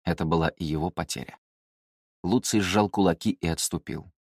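Male audiobook reader, very low voice, dry close recording, measured delivery. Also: no echo. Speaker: audiobook narrator. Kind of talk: scripted narration.

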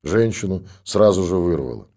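A man narrating an audiobook in a steady, even reading. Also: low voice, normal speed.

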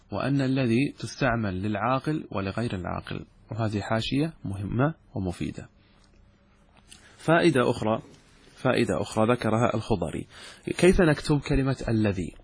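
A man teaching a lesson on Arabic grammar, explaining step by step, asking questions and answering them himself, and drawing out example words slowly. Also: mid-range voice, breathy edge, dry recording.

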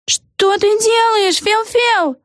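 An excitable little witch girl with a sky-high squeak of a voice. She blurts out each thought wide-eyed, in the dry, close sound of an audiobook. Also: takes it slowly, no room sound, heavily acted. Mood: chattering. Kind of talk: audiobook character voice.

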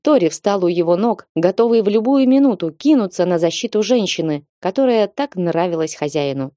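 Woman, audiobook narration, measured expressive reading, low pitch, dark mellow tone, dry close sound. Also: dry recording.

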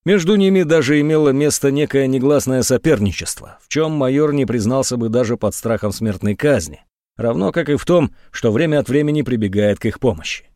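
A man narrating an audiobook in an expressive, ironic storytelling manner on a close mic. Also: mid-range voice, fairly quick, dry recording. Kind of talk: scripted narration.

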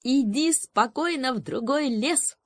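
A woman voicing a small, brave young frog who talks quickly and bossily in a dry storybook reading. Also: high-pitched, sing-song, no room sound, voice pushed up. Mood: triumphant. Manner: quick, bossy and triumphant, croaks.

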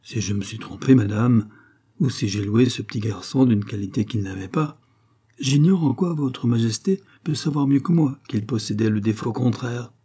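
A man voicing a composed, dignified doctor who answers in calm, measured tones. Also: medium pitch, husky, close to an everyday voice.

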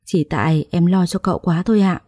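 A tearful, clingy young woman in a storybook drama, as a woman narrator puts her on. She pleads softly in a mellow, low voice. The sound is dry and close. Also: fairly quick, dry recording, close to an everyday voice.

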